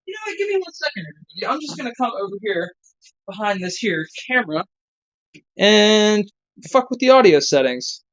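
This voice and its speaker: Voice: medium pitch, sing-song, brisk. A streamer chatting casually and swearing while fiddling with settings, the volume jumping unevenly from auto gain on a dull, lo-fi mic. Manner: loose, swearing, thinking aloud. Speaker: streamer drumming on a livestream. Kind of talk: casual livestream chat.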